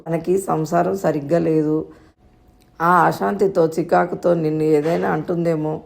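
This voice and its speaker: A woman's voice: fairly low pitch, gravelly, a little mellow. A woman voicing an earnest, caring friend. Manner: earnest, reassuring.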